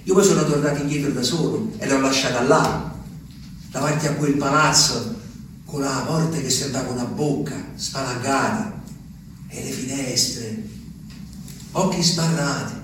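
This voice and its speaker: Speaking in a medium-pitched voice close to his everyday one, a stage actor takes it unhurriedly and pauses often. He portrays a lonely old peasant man wistfully musing and rambling to the moon in a theatrical monologue, recorded distantly on stage with reverb and faint noise.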